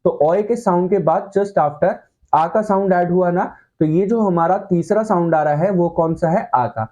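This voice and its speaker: A man's voice: high-pitched, unhurried, dark tone, lo-fi sound. A man teaching an online shorthand lesson, explaining with playful comparisons and checking in with the class again and again.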